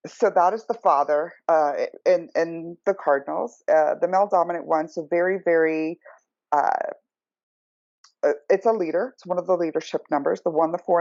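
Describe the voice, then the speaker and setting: A woman's voice: deep voice, a little mellow, dry recording, dull audio. Chatty woman giving a numerology reading. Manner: chatty, explanatory, acts out quotes.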